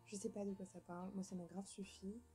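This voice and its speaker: A woman's voice: medium pitch, little pitch movement, brisk, dark tone, soft background music, poor audio. A young woman chatting casually about books she plans to read, rambling and joking at herself, with many fillers and restarts. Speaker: book vlogger. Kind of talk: casual chat.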